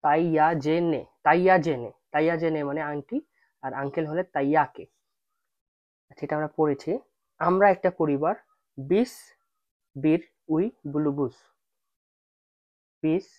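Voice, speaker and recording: A man's voice: fairly high pitch, no echo, highs cut off. A man teaching a language lesson, patiently repeating each word and breaking it into syllables. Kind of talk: slow spoken language lesson.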